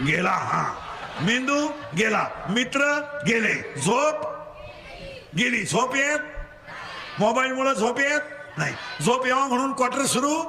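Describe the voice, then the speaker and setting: A man with a Marathi accent preaching a comic kirtan sermon, teasing the audience and making them shout answers back. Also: extremely high pitch, noisy background. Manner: rapid call-and-response, drilling the crowd to answer; teasing, scolding schoolboys.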